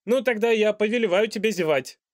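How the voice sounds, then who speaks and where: A man voicing a pompous, proud old king who gives loud, high-pitched commands in a storybook reading. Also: a little fast, no echo, clean studio sound, close to an everyday voice. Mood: commanding.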